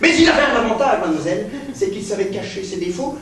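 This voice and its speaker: A grandiose, pedantic professor, played by a man on stage, declaiming with sweeping swings in his rather high voice. He sounds like he is far from the mic in a very echoey theater. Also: animated, quick pace, fairly bright tone. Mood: pompous lecturing. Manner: declamatory, insistently repeats "mademoiselle". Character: pedantic male professor, grandiose, increasingly frenzied. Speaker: stage actor. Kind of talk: stage play performance.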